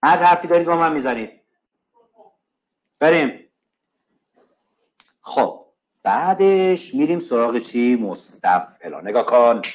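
A man's voice: medium pitch, expressive, long pauses. A middle-aged man teaching a class, chanting lines of verse in rhythm and breaking off to scold students sternly. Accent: Persian, Iranian.

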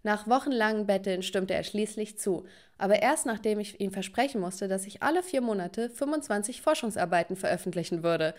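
A woman's voice: medium pitch, expressive, a little fast, darkish tone. A woman narrating a scripted first-person story with dramatic, emotional delivery.

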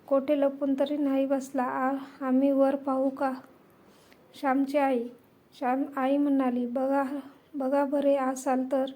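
Female storyteller, high mellow voice, reads aloud in an even, unvarying tone. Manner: steady first-person storybook reading with quoted dialogue.

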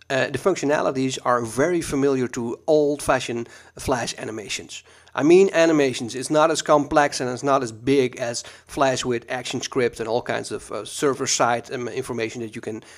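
In a mid-range voice and Dutch accent, a man from the Netherlands teaches software through a screen recording. It's recorded on a computer mic, and his casual, chatty teaching is filled with ums and uhs.

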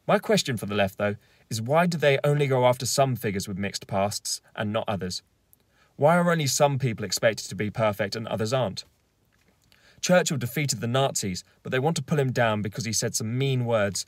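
A man's voice: mid-range voice, no echo, clean studio sound. A young man in his twenties delivering scripted political commentary from inside a car, speaking in a firm, argumentative, lecturing way. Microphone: camera facing him at close range.

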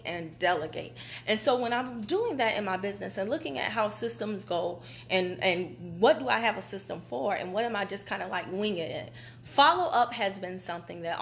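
A woman's voice: mid-range voice, creaky, a little hiss or hum. Woman talking on a vibration machine, voice wobbling like into a fan. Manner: chatty, candid and emphatic. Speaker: small business owner. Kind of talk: casual live video talk. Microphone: phone camera.

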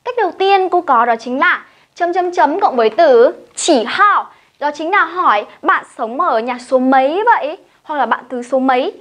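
Her voice sits high and sounds a bit bright and expressive, moving at a normal speed. She's a Chinese language teacher with a Vietnamese accent, leading a classroom-style video lesson of step-by-step explanations and repeated drills.

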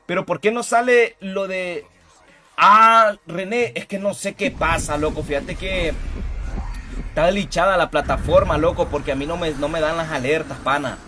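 Excitable man streaming a fighting game. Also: on the high side, moderate pace. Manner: excitable, slangy, greets chat by name. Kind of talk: live gameplay commentary. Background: game music.

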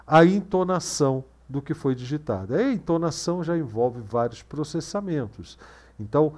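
A man's voice: fairly high pitch, a little mellow. A man teaching a screencast programming lesson, thinking aloud with many fillers and self-corrections. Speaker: course instructor.

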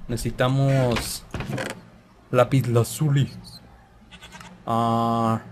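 A man's voice: mid-range voice, flat delivery, drawn-out words, a little hiss or hum. A man hosting a gaming channel, playfully talking through his Minecraft session and humming sound effects. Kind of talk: Minecraft let's play commentary.

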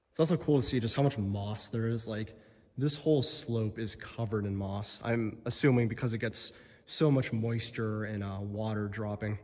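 A young man talks into a phone held at arm's length as he wanders a cold, dark quarry cavern. His voice sits slightly low and rings with a long echo off the stone walls. He rambles casually, full of "you know" and "like", openly amazed. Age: young adult. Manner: chatty, amazed, lots of fillers. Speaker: explorer vlogger. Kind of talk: casual exploring vlog.

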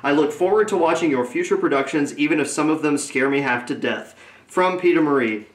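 A man co-hosting a podcast, reading a fan letter aloud in a casual, slightly halting way in a home kitchen. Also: fairly high pitch. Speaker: podcast co-host. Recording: echoey room.

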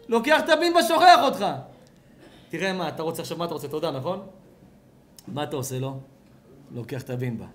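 A rabbi preaching at a home gathering, his high voice swooping up and down as he asks the listeners questions and acts out little scenes. He sometimes bursts into a shout. A faint room hum sits behind him. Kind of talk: lively sermon at a house blessing.

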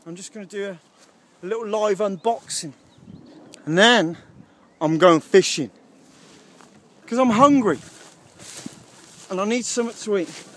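A man's voice: sits high, a little slow, pauses often, fairly bright tone. A man in his thirties chatting casually to a handheld camera outdoors by a lake. He is upbeat and rambling, with frequent ums. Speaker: outdoor vlogger. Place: outdoors by a lake at a wild camp. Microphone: handheld camera at arm's length.

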